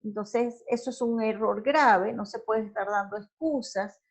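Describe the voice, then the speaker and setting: A woman teaching a recorded class lecture, explaining slowly and checking in with the listeners often. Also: fairly high pitch.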